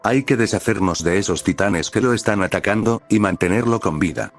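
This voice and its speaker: A man reading the lines of a steady, protective young male soldier in a fan-made story, plainly. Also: lowish voice, fairly quick, soft background music, close to an everyday voice.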